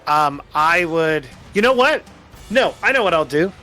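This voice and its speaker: A man with a fairly high, bright voice plays a tabletop game, thinking out loud as he plans his moves. He talks in quick bursts, and faint music sits in the background. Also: animated. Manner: thinks aloud, planning tactics, quick bursts. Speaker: player. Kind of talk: playing a tabletop game over a call.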